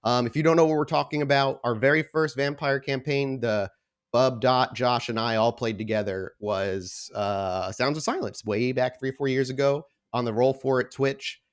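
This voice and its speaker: His voice is medium in pitch, clear and resonant, at a moderate pace. He is the host and game storyteller of an actual play tabletop roleplay podcast, giving casual announcements and then slow narration to set the scene.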